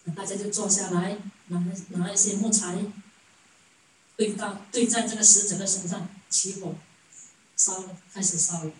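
Here a dharma teacher frames her Buddhist sermon as a story, chuckling a lot and asking rhetorical questions. Her mid-range voice is darkish, fairly even in intonation and moderately paced. The room echoes, the mic sits far off, and there's a faint hiss or hum.

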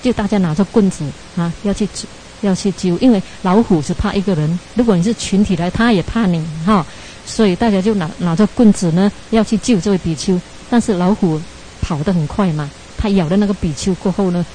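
Mellow-voiced woman teaching meditation. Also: mid-range voice, brisk, slight background noise, poor audio. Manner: chatty, ends phrases with tag particles, laughs at own slips. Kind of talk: Buddhist dharma talk with storytelling.

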